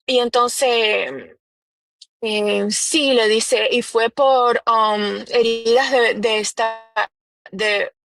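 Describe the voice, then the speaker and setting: A woman's voice: fairly high pitch, fairly even intonation, extremely slow, gravelly, fairly bright tone, no room sound. A woman recounting events in a live audio chat, hesitant with many fillers, acting out quoted dialogue. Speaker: guest reporting on a trial.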